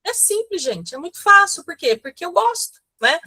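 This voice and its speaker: Brazilian woman leading a devotional, high voice, dry close sound, keeps saying gente. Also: normal speed, no echo. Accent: Brazilian Portuguese. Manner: animated, preachy, addresses listeners as gente. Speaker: women's group leader. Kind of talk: devotional group chat.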